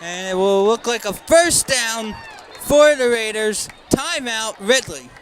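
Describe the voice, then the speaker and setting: A young man with a high voice calls a high school football game live, chatty and quick to echo the official calls. A crowd murmurs faintly and outdoor noise sits behind him. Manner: chatty, repeats the official calls, excitable on fumbles. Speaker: play-by-play announcer.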